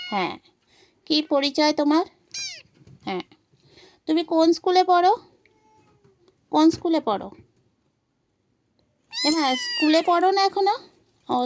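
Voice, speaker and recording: A woman's voice: high-pitched, slight background noise. A woman vlogger chatting playfully to her cats and to viewers, coaxing and teasing them. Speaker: pet vlogger. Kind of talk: casual chat to pets and viewers.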